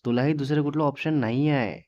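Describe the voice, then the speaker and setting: A man's voice: medium pitch, a little fast, a little mellow, natural voice. A man voicing a fiery, teasing young wife, who scolds and bosses her husband. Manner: scolding, bossy. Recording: dull dry lo-fi recording.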